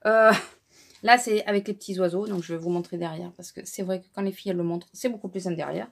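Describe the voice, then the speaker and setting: A woman's voice: on the low side, fairly even intonation, quick pace, gravelly. Woman, casual haul vlog, chatty, indignant, lots of fillers. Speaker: vlogger.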